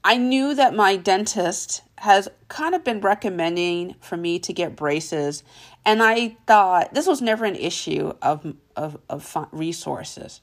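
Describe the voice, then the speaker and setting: On her motivational podcast, a woman with a lowish voice tells animated stories and calls her listener honey and darling.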